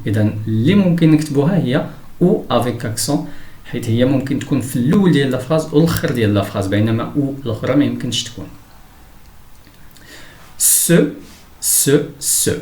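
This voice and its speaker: A man with a Moroccan Arabic accent teaching a grammar lesson. He explains in Arabic and reads his example sentences slowly and carefully. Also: mid-range voice, expressive, dark tone, roomy sound.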